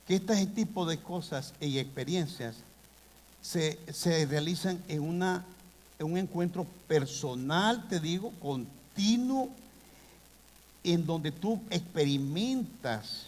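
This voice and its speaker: A man preaching a sermon, impassioned, with sudden loud bursts. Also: high-pitched. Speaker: pastor. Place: church hall. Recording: long hall reverb.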